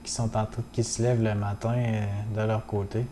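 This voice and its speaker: A man's voice: fairly low pitch, flat delivery, fairly quick, background noise. A man with a Québécois accent, chatting casually to viewers while streaming a game and swearing often. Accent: Québécois French. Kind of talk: casual gaming livestream chat.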